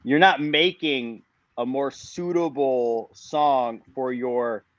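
A man's voice: medium pitch, slow, dry recording. A man in his forties speaks as a musician guest on a podcast, thoughtful and meandering, often restarting his sentences. The audio is dry and a bit dull and lo-fi, with no room sound at all. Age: 40s. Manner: reflective, rambling with restarts. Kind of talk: casual podcast conversation.

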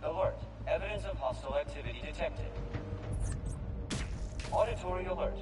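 High robot turret, filtered. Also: male voice, moderate pace. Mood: monotone. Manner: flat clipped machine announcements. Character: male security robot turret, cold and watchful. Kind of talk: video game enemy voice lines. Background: loud game music.

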